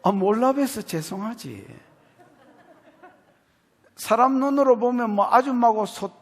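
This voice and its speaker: Brief: folksy Gyeongsang male pastor preaching, raspy and gravelly, pitch jumping all over, reverberant sanctuary. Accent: Gyeongsang Korean. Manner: emphatic, folksy, addresses the congregation directly. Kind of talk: sermon. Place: church sanctuary. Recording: long reverb of a church hall.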